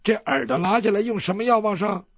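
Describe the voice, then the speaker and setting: A male storyteller voicing a quick-tempered young heroine who speaks bluntly. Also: high voice, fairly even intonation, a bit bright, no room sound, clean studio sound. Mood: brusque. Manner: blunt, brusque. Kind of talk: traditional Chinese storytelling.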